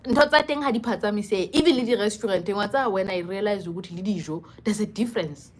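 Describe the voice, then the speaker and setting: A woman's voice: mid-range voice, fast. A young woman with a South African accent chatting casually and expressively on a livestream, slipping between English and local languages. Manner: expressive, conversational. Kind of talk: casual live chat.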